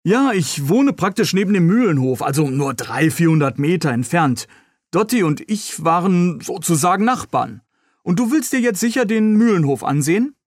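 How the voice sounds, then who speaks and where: A man's voice: sits high, big pitch swings, normal speed, no echo, studio quality. A man reading as a cheerful young rescuer. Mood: friendly. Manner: cheerful, joking. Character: young friendly helpful man with a dog. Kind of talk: read-aloud novel dialogue.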